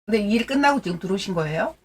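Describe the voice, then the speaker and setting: A woman's voice: medium pitch, expressive, racing, breathy edge. A middle-aged woman hosts a live stock-trading stream and keeps up a chatty, teasing patter with her viewers. She answers their messages and tips as they come in, scolding and joking in a loose, familiar way. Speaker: stock-trading livestream host. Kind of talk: casual livestream chat.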